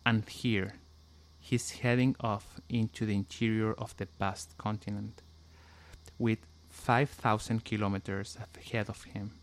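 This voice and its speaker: Speaking unhurriedly in a lowish voice with little pitch movement, a Chilean musician gives casual English interview answers and reads a passage. His Chilean Spanish accent comes through as he hesitates, fills pauses with "like," and articulates each sound carefully.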